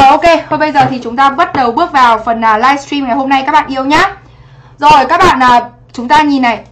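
A woman's voice: high-pitched, a bit bright. A young adult woman from Vietnam teaching English on a livestream exam review, chatty and constantly checking in with rhetorical questions.

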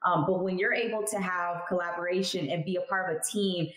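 In her thirties, this cannabis lab chemist joins a casual interview over a video call from a room at home, wearing headphones. She tells her story candidly and with emphasis in a fairly low, steady, slightly bright voice at a fairly quick clip. The room is echoey.

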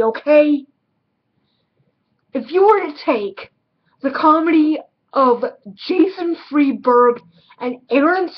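A woman's voice: high voice, muffled recording. A woman giving a casual film review, blunt and emphatic, repeating words for stress.

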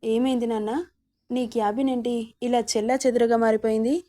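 A woman's voice: fairly high pitch, little pitch movement, a little fast, dark tone, close to an everyday voice. A woman voicing a protective middle-aged father questioning his upset son. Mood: concerned. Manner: concerned, reassuring.

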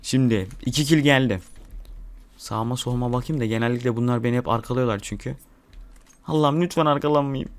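Excitable young man commenting his gameplay. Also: medium pitch, a little fast. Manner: excitable, swearing, talks to viewers while playing. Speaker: gaming channel host.

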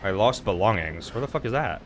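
Casting: male gaming streamer, low-pitched, lively swooping delivery, profane and excitable. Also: brisk, slight background noise. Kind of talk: casual let's-play commentary.

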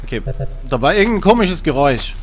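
A man's voice: on the high side, sing-song, quick pace. A man commentating nervously on a horror game he is playing, a scared and jumpy streamer talking to himself. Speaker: gamer, let's player.

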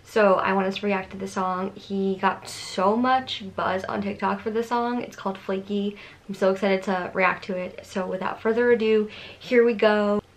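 A woman hosting a casual fan reaction vlog. She gushes excitedly and chats freely, with a lot of "like" and "um". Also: medium pitch, normal speed, slight background noise, low-quality recording. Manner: gushing, excitable, chatty with many "like"s. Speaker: YouTuber reacting to a song.

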